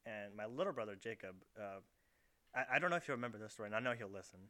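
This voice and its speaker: A man's voice: on the low side, animated, racing, pushed and bright, slight background noise. A young man hosting a casual podcast from his bedroom, telling stories in a rambling way full of fillers. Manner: rambling storyteller, heavy on fillers. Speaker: podcast host. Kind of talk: casual chat. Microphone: camera set up in the room.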